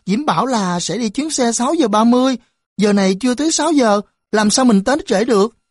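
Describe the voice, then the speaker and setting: Audiobook: earnest teenage boy, high and lively, a woman reading him. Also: fairly quick, no room sound, clean studio sound. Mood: animated. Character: earnest teenage boy, tearful then cheerful.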